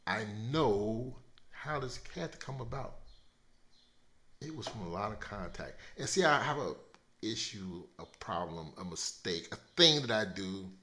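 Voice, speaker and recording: A man with a sore throat hosting a rambling solo podcast rant, profane and swinging between loud outbursts and low mutters. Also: animated, unhurried. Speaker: podcast host.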